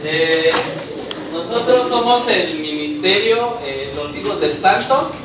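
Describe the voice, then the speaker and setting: A man with a very high voice directs an improvised comedy sketch, talking in rambling bursts full of fillers. He bosses his actors around playfully. He is heard from far away in a booming, echoey hall with a steady noise behind him. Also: slow. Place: church hall.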